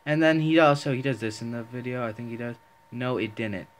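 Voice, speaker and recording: A man's voice: mid-range voice, quick pace. Rambling, indignant young man commenting. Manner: rambling and indignant, many restarts. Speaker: small online video creator. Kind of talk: casual commentary video.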